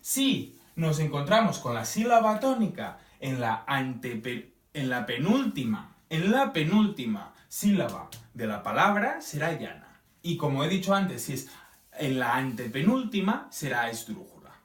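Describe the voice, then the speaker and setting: Animated male teacher, wide swings in pitch, recorded a distance in a roomy space. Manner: lively, drawn-out examples, checking in with "¿sí?". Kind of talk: explaining a grammar lesson. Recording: echoey room from a distance.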